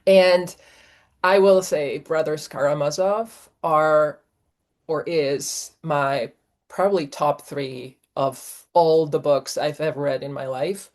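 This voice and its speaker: Slow-speaking woman from Czechoslovakia. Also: deep voice, steady tone, darkish tone. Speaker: guest, executive coach and professor. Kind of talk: reflective interview talk.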